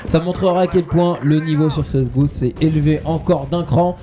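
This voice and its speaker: A man's voice: a little high, fairly even intonation, fairly quick, mellow. A man giving live play-by-play commentary on an esports match.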